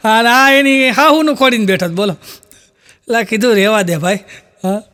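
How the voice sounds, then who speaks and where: A man's voice: sits high, normal speed, noisy background. A man doing live stand-up with a rural Saurashtra Gujarati accent, telling jokes and acting out quoted characters in raised voices. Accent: Gujarati, Saurashtra rural dialect. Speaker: stand-up comedian.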